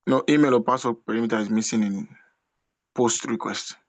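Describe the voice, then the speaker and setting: A man's voice: medium pitch, fairly even intonation, a little fast, slight background noise. Man teaching over a video call. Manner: hesitant, guiding, repeats himself. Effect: heard over a video call. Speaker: instructor. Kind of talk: live online class.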